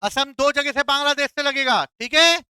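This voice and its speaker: A man's voice: very high voice, normal speed, pushed and bright, dry recording. A male teacher giving a classroom lecture, playful and quizzing his students with call-and-response questions.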